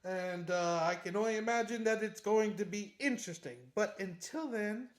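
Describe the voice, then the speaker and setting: A book reviewer giving a casual, animated chapter recap, slangy and laughing often. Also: mid-range voice, normal speed. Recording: roomy echo.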